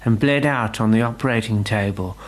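A man's voice: lowish voice, brisk, pitched below the performer's own voice, natural voice, low-quality recording. A man voicing a shaken male park manager in a radio storybook, speaking in a shaky, upset voice.

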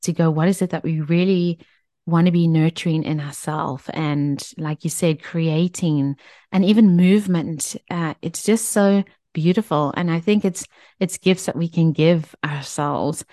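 A woman's voice: low-pitched, a little slow, warm tone, dry recording, studio quality. A woman hosting a radio interview, talking in an effusive, chatty way with many fillers and restarts. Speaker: radio host. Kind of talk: casual radio interview chat.

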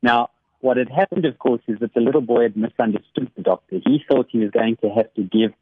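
Man, earnest storyteller, halting restarts, mid pitch, thin phone-line sound, dry. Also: slightly rough, no room sound. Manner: earnest storyteller, many small restarts, laughs easily. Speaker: radio guest, academic devotional speaker. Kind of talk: warm conversational devotional reflection.

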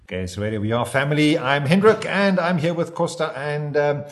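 Animated South African male radio host. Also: fairly high pitch, a little fast, over music. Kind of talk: casual interview chat.

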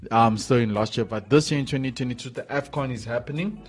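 Speaking quickly at a medium pitch, this radio sports show host chats casually with his co-host. He is welcoming, says hello to listeners and his co-host, and tends to repeat words and phrases to stress them.

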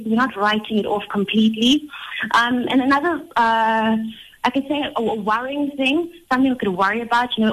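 A woman's voice: on the high side, a bit bright, rough recording. A woman from South Africa, a financial expert on a phone-in interview, a little out of breath and chatty with many fillers.

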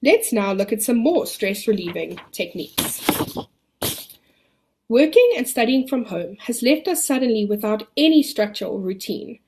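A woman reading a scripted informational podcast on wellbeing in a measured, instructional way, as a presenter guiding listeners. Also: on the high side, very animated, noisy background. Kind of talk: scripted informational narration with guided relaxation.

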